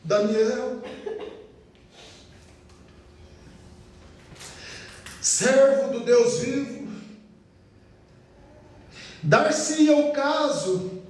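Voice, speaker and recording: A Brazilian man voicing a grieving king, mournful and pleading, in a slow, low, hushed voice. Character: grieving old king, fearful and sorrowful. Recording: echoey church hall, mic far off.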